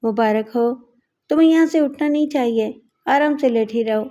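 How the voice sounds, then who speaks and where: A woman voicing a courtesan who speaks frankly and gently. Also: fairly high pitch, close to an everyday voice.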